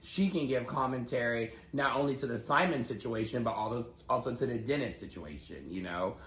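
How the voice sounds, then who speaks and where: A man co-hosting a reality TV recap podcast, recapping scenes in an even, agreeable way. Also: mid-range voice, brisk, roomy sound, slight background noise. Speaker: podcast co-host. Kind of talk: casual gossip chat.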